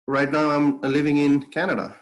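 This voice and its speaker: On a lo-fi recording, a young Bangladeshi man whose native language is Bengali speaks in a slightly high voice with flat delivery at a moderate pace. He's an interview guest and clothing brand founder, recounting his life story earnestly and reflectively, with lots of fillers and restarts.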